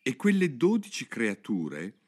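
A man voicing a curious, easily indignant little girl in a storybook reading, in a hushed voice. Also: mid-range voice, huge pitch swings, unhurried, voice pushed up. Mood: musing.

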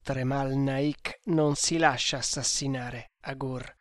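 A man's voice: mid-range voice, steady tone, slow pace, dry recording, studio quality, natural voice. A man playing a fearless, commanding snake hunter. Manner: commanding, curt.

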